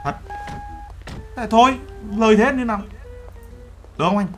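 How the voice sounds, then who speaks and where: A man's voice: extremely high pitch, normal speed, a bit bright, soft background music, pitched above the performer's own voice. A man role-playing a boastful overseas-company boss in a game, brash and teasing. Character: boastful male overseas-Vietnamese CEO. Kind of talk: game role-play banter.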